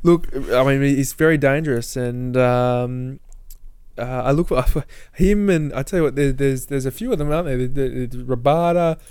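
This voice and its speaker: A man co-hosting a casual sports discussion, halting as he thinks aloud. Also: medium pitch, darkish tone, smooth. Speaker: sports podcast co-host.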